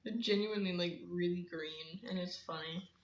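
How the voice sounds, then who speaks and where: A woman's voice: lowish voice, normal speed, a little hiss or hum. Teasing teenage girl chatting in an echoey room. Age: teens. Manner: chatty, teasing, deadpan asides. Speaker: podcast co-host. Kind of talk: casual chat.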